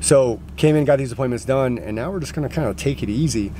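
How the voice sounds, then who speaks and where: A man's voice: mid-range voice, fast, dark tone. American man vlogging casually, background noise. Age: 30s. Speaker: vlogger and gym owner. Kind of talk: casual vlog chat. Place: outdoors on forest trail, later inside a car. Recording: clear outdoor and vehicle background noise.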